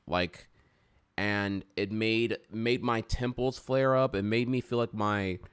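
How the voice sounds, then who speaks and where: A man with a sore, stiff jaw after wisdom tooth surgery, chatting casually and frankly in a rambling, halting way with some swearing. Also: fairly low pitch, smooth. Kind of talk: casual unscripted chat to an audience.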